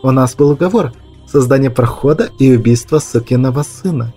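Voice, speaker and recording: A man voicing a cruel, scornful female bandit leader in an audiobook, with a husky, mocking, hissing delivery. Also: medium pitch, brisk, warm tone, soft background music, close to an everyday voice. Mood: sneering. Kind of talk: audiobook character voice.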